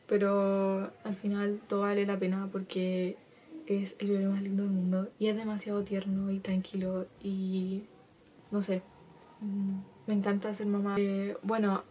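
A woman's voice: medium pitch, flat delivery, moderate pace, dark tone, slight background noise. A fifteen-year-old girl with a Chilean accent, telling a personal story to camera in a casual, chatty way with lots of laughs. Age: teenager, 15. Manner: chatty, laughs often, acts out quotes. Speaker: vlogger.

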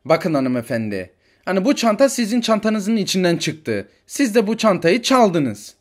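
A brusque police officer barks curt orders in a toy figure story, played by a man. The delivery is bossy and lively in its rises and falls. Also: high voice, normal speed. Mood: suspicious.

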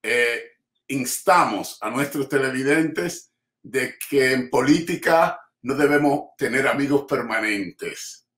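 A man with a medium-pitched, fairly bright voice hosts a community TV interview over a video call from a home room with bookshelves. He speaks emphatically and rhetorically, with frequent hesitant fillers, and the room sounds roomy and echoey.

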